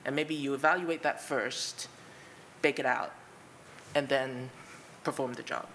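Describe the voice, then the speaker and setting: A woman's voice: very deep voice, fairly even intonation, unhurried, a bit bright, a little hiss or hum. A woman speaker answering audience questions at a conference, thoughtful and hedging with fillers.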